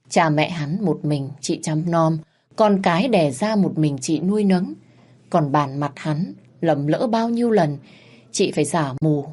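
Low-voiced woman storyteller, earthy dramatic narration. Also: darkish tone, husky.

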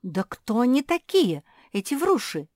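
A woman voicing a small, excitable female pug in an audiobook, speaking eagerly and pleading by turns. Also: fairly high pitch, takes it slowly, dry recording, clean studio sound, pitched above the performer's own voice. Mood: indignant. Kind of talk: audiobook reading.

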